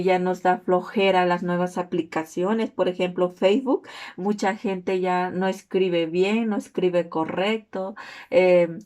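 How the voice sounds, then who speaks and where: Slow, hoarse Mexican woman. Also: a little mellow. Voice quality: hoarse, low-toned voice. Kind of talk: informal spoken class presentation.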